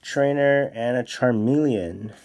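Male YouTuber, unhurried casual unboxing chat, yelps when thrilled. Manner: excitable, bursts into high exclamations. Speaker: card-opening YouTuber. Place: indoors at a desk, off camera.

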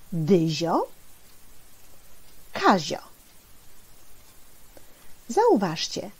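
A woman teacher giving a slow, deliberate spelling lesson for children, spelling out syllables and pausing with hesitation fillers. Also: lowish voice, darkish tone, slightly rough.

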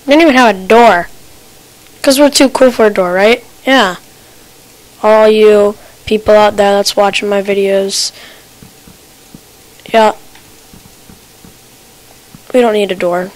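A woman's voice: medium pitch, fairly even intonation, takes it slowly, long pauses, no echo, poor audio. A woman giving casual gameplay commentary at her computer, rambling and talking to herself with stutters and restarts. Her keyboard clicks are picked up by the desk mic. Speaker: gamer. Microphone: desk computer mic picking up keyboard clicks.

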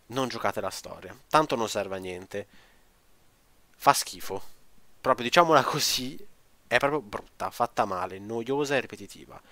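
A man's voice: fairly low pitch, a bit bright, no room sound. A man giving a blunt, opinionated game review to his viewers, ranting and swearing freely. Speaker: gaming video creator.

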